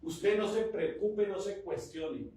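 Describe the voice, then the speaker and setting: A man's voice: sits high, slow, warm tone. A man pastor with a Colombian Spanish accent, preaching a sermon with rising fervor and call-and-response. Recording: echoey hall, voice from far off.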